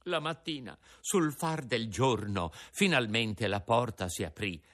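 A man narrating a storybook in an expressive, animated way. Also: medium pitch, unhurried.

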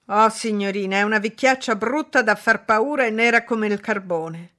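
A woman's voice: mid-range voice, normal speed, fairly bright tone, pitched above the performer's own voice, lightly acted. A woman voicing a flustered male servant in a read-aloud novel, reporting anxiously and apologetically to his masters.

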